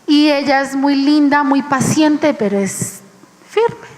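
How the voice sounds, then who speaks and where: A woman's voice: high-pitched, takes it slowly, a little mellow, long reverb tail. A woman with a Colombian Spanish accent preaching a passionate sermon, acting out the voices she quotes. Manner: impassioned, acts out quoted voices. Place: church.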